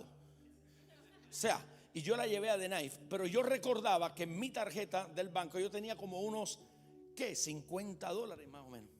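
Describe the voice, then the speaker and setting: A male pastor preaching a sermon, animated and full of stories, often asking the congregation questions. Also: high-pitched, in a large hall. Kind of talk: sermon with humorous personal stories. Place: church sanctuary.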